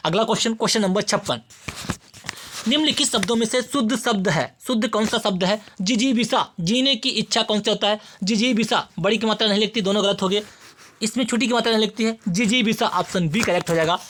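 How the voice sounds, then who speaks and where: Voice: medium pitch, fast talker, a bit bright. A teacher giving an exam-prep spelling lesson who addresses students directly and repeats each word several times while explaining.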